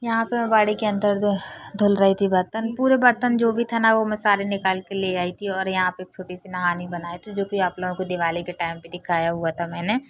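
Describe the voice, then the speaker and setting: A woman's voice: fairly low pitch, dry recording. Chatty homely woman vlogger, dry sound. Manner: chatty, talks straight to viewers. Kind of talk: casual home vlog.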